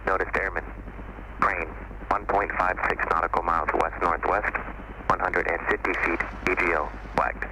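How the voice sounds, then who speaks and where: Deep male airport weather broadcast. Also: normal speed, long pauses. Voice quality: flat, clipped readout. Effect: airport weather broadcast over the aircraft radio. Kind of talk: recorded airport information broadcast. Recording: radio broadcast under loud helicopter engine noise.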